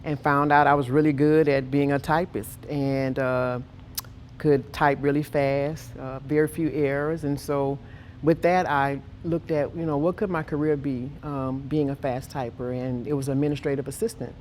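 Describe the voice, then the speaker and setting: A woman's voice: a bass voice, level tone, normal speed, darkish tone, slight background noise. A woman guest on an industry panel who talks in an enthusiastic, emphatic way. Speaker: guest, methanol industry employee. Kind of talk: panel interview.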